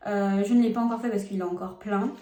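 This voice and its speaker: She's a fast talker with a steady, dark-toned, mid-range voice, heard in a roomy space. The young beauty vlogger records a casual makeup test at home on a phone camera, speaking frankly and chattily to viewers while applying products.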